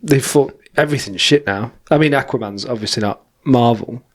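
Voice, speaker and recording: A man's voice: mid-range voice, brisk. An easygoing young man with a mid-range voice, chatting over drinks on a podcast. He rambles through his thoughts, swears casually and laughs a lot. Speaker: podcast co-host.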